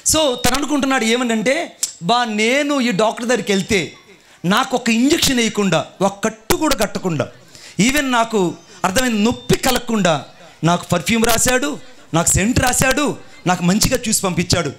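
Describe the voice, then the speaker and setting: A man's voice: very high voice, normal speed. A male pastor preaching a sermon, telling a story and calling on the congregation to answer and clap. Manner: animated preaching with audience call-and-response.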